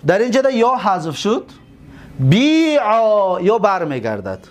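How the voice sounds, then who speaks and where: A man's voice: high-pitched, wildly swooping pitch. Tajik-accented man drilling grammar. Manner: repetitive, drills word forms syllable by syllable; checks understanding with rhetorical questions. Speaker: teacher of Arabic morphology. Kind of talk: classroom lesson.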